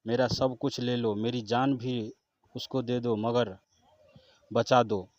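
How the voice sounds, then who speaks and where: A man's voice: mid-range voice, flat delivery, slow pace, a little mellow, no room sound, close to an everyday voice. Desperate grieving young husband, read by a man. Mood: pleading. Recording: dull lo-fi recording with faint guitar.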